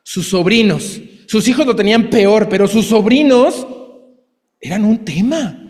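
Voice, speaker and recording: A man preaching a sermon in a lively, chatty way, with asides and acted quotes. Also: sits high, measured pace, long reverb tail. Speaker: pastor.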